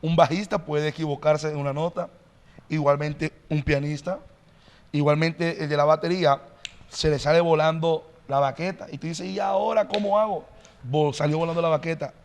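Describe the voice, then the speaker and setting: A male pastor explaining in an earnest, teacherly way as a podcast guest, often pausing on "eh". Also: a little high, little pitch movement, long reverb tail. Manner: earnest, teacherly, frequent "eh" fillers. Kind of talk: podcast interview, preaching-like explanation.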